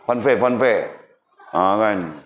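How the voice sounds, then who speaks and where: Deep-voiced religious teacher. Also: male voice, slow pace. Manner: teasing, animated, addresses audience directly. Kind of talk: religious lecture with Q&A. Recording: roomy, dull lo-fi, faint background noise.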